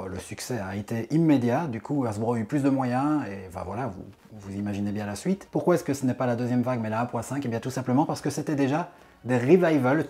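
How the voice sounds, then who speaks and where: A man's voice: medium pitch, mellow. A man talking casually as a toy collector, explaining and often correcting himself as he goes. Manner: chatty, self-correcting, explains while handling figures.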